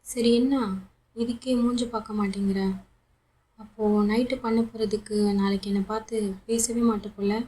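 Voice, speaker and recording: A woman's voice: on the high side, steady tone, normal speed, mellow, a little hiss or hum, lightly acted, low-quality recording. A woman reading as a teasing young man. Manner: playful, teasing.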